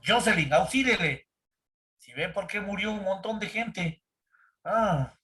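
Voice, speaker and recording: A man's voice: high-pitched, expressive, unhurried, pushed and bright. A man teaching an online grammar class, constantly checking in with his students and quizzing them. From Ecuador. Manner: keeps checking in with "¿sí?" and questioning students.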